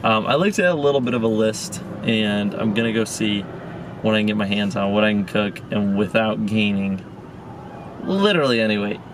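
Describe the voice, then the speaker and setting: Background noise fills this clip of a powerlifter who vlogs, a young man in his twenties speaking at a normal pace in a lowish voice. He addresses the camera casually, joking and rambling loosely in a chatty way.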